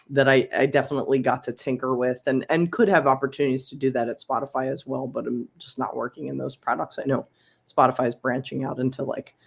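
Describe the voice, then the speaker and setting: A woman's voice: extremely low pitch, creaky, breathy edge. A woman from Philadelphia, a UX researcher guesting on a podcast, talking casually with many ums and easy laughs. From Philadelphia, USA. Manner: chatty, frequent ums, laughs easily. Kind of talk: casual interview chat.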